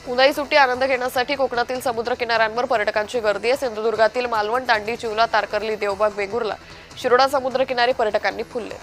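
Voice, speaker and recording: Brisk woman reading rapid news headlines. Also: fairly high pitch, faint music behind. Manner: brisk, even headline delivery. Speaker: news reader. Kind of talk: fast news bulletin reading.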